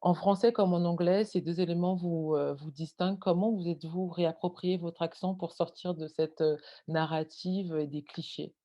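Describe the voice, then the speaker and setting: A woman with a very low, mellow voice hosts an interview, asking long questions and pausing often on fillers. The sound is dull and muffled. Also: steady tone. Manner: halting, many fillers. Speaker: podcast host.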